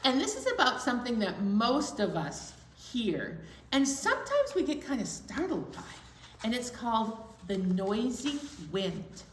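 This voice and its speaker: A woman with a Minnesota accent, a children's librarian reading aloud at an online storytime in a playful, animated way. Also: fairly high pitch, measured pace, a little hiss or hum. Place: library room. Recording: echoey room.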